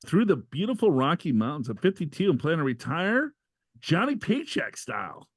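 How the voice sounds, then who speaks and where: A man's voice: fairly high pitch, big pitch swings, moderate pace, no echo, studio quality. Joking man reading listener letters. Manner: joking, reads letters aloud with asides. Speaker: co-host reading listener questions. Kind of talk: casual podcast banter.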